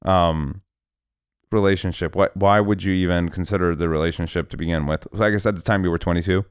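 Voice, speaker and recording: A man's voice: deep voice, fairly even intonation, brisk, clean tone, no room sound, studio quality. A man hosting a podcast, asking probing questions in a casual interview chat and often repeating his words as he starts a thought. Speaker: podcast host.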